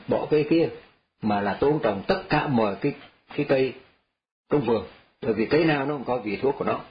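A man's voice: medium pitch, slight background noise. A man, a Buddhist monk, gives a folksy, repetitive dharma talk and chuckles as he tells parables. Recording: slightly dull lo-fi audio.

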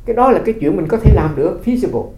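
Fast-talking monk. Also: male voice, high-pitched, expressive, mellow, slight background noise. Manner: conversational storytelling with rhetorical questions. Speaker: Buddhist monk. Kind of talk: dharma talk. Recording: roomy, slightly dull recording.

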